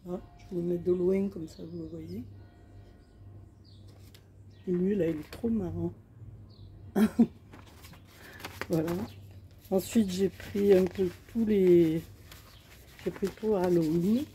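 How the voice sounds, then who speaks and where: Woman, casual crafting haul, slow and hesitant, very dark mellow tone, faint outdoor noise. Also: fairly low pitch, steady tone. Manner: chatty, hesitant, many fillers. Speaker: crafting vlogger. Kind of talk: casual show-and-tell haul. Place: outdoors in sunshine.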